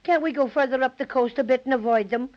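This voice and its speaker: A woman's voice: high voice, fast talker, close to an everyday voice. Cinnamon Bear, a chirpy little teddy bear voiced by a woman. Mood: chatty. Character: small furry cinnamon teddy bear, cheerful and boastful. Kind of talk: 1930s radio drama acting. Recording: dull lo-fi 1930s radio transcription.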